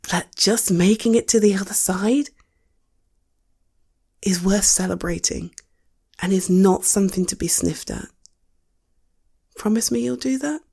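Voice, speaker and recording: Playing an affectionate, supportive partner in a close conversational roleplay, this British woman speaks softly in a mid-range voice with vocal fry. She coaxes gently and a little hesitantly, sounding encouraging and caring.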